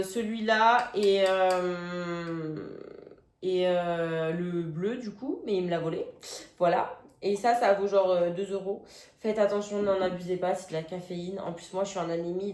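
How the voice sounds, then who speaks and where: A woman's voice: lowish voice, fairly even intonation, moderate pace, a little mellow, slight background noise. A young woman, chatting casually through a grocery haul vlog, full of "euh" fillers and slangy asides. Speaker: vlogger. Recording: echoey room.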